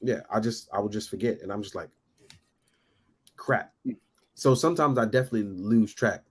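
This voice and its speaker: A man talking casually as a podcast guest, rambling and animated, laughing often. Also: on the low side, moderate pace, breathy edge. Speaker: guest toy photographer.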